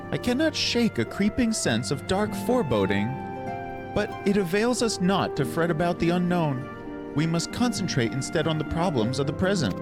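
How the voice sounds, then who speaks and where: Man putting on a high-pitched, solemn fantasy queen. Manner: formal, measured, solemn delivery. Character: earnest, queenly woman leader in a fantasy game. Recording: game music behind the voice.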